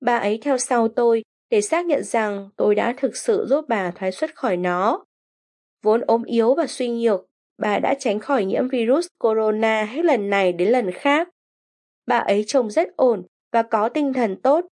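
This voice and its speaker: An older woman from China calmly and earnestly reading a first-person testimony as scripted narration. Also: on the high side, measured pace.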